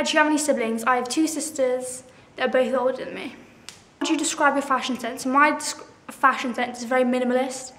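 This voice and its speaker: Talking casually to camera in a question-and-answer video, a seventeen-year-old vlogger is bubbly, says "like" a lot, and laughs at herself. Her voice sits high and a bit bright, with a roomy sound.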